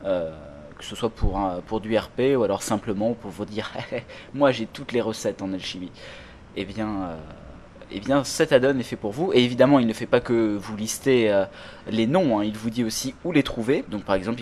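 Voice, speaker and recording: A man's voice: fairly low pitch, fairly quick, a little hiss or hum. A man hosting a casual gaming podcast, chatty, with many fillers and self-corrections. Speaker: podcast host.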